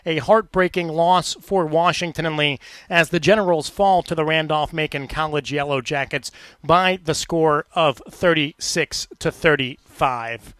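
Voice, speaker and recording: Brief: male radio play-by-play caller, high voice, dry close sound, emphatic. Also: measured pace, smooth, no room sound. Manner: energetic, emphatic sports calling. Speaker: play-by-play announcer. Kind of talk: live football radio commentary. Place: press box at a college football stadium.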